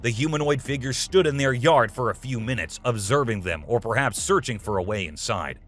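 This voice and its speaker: A man's voice: mid-range voice, expressive, fairly quick, fairly bright tone. A man reading scripted narration in the manner of a nature documentary. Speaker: narrator of a video compilation. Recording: music behind the voice. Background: music.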